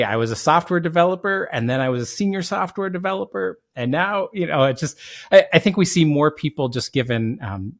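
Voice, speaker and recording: Easygoing man with an Upper Midwest accent. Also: mid-range voice. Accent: Upper Midwest, Fargo area. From Fargo, North Dakota area. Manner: easygoing, relaxed storytelling with um and uh. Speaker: podcast guest, software founder. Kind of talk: conversational interview.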